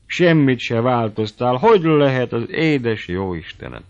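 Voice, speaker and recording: A man's voice: medium pitch, very animated, dull audio, voice pushed up. A man voicing a gushing, gossipy old woman, talking sweetly and effusively, in a storybook reading. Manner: sugary, effusive.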